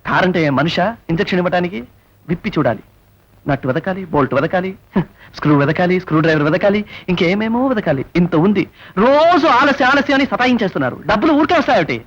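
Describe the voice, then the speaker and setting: A man's voice: high-pitched, lively intonation, fast. An actor playing a brash young man who barks for a gambling stall and brags about being a motor mechanic. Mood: boastful. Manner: loud sing-song barking at a gambling stall. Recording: dull old film soundtrack with music.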